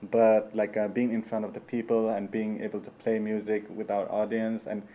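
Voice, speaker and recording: A man's voice: lowish voice, flat delivery, normal speed, warm tone. A young man from Nepal hosting an interview, talking hesitantly with many fillers. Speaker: host. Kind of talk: conversational interview.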